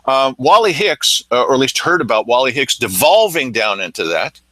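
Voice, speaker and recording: A man hosting a local news talk show, telling stories in a casual, animated way and acting out what others said. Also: mid-range voice, normal speed, no room sound, rough recording. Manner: animated storytelling, acting out quotes. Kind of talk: casual commentary chat.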